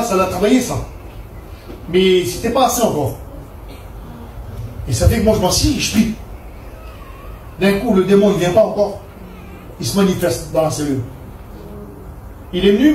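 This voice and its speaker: A man from Perpignan tells his church testimony with fervent, repetitive storytelling. His voice sits high and carries. It reaches the mic from afar in an echoey hall with faint room ambience. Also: lively intonation, fairly quick, long pauses, darkish tone, slight background noise. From Perpignan, southern France. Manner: fervent, storytelling with repeated "je dis". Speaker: preacher giving testimony. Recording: echoey room picked up from a distance.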